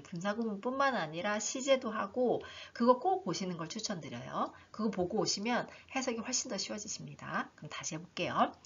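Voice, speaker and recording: A woman teaching an English book in a lively online lesson, reading lines aloud and explaining them, often voicing the learners' questions herself. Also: lowish voice, breathy edge. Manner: animated, talks herself through learners' questions. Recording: dull lo-fi recording.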